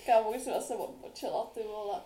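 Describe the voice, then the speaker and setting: A woman's voice: mid-range voice, steady tone, mellow. A young woman co-hosting a podcast, chatting casually in a slangy, giggly, rambling way. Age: young adult. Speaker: podcast co-host. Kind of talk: casual chat.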